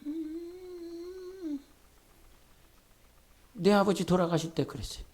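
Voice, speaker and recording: A middle-aged male pastor preaching in a church, talking to the congregation in a conversational way, with quiet asides and loud emphatic calls. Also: very high voice, big pitch swings, slow pace. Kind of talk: sermon. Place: church sanctuary.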